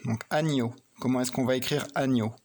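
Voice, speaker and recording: A man with a medium-pitched, darkish voice speaks steadily at a moderate pace. He patiently teaches a child to read and write in a slow handwriting and phonics lesson, explaining each pen stroke and spelling words letter by letter.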